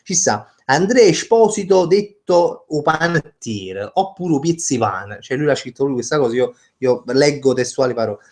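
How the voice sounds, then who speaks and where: A man's voice: medium pitch, lively intonation, normal speed, few pauses, a little mellow. A man with a Neapolitan accent hosting a casual live stream, rambling and joking as he reads out viewers' names.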